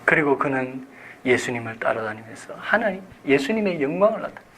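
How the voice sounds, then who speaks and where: A male pastor preaching a sermon, moving between hushed phrases and loud emphasis and asking his congregation questions that he then answers himself. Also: mid-range voice, big pitch swings, fast, a little hiss or hum, poor audio.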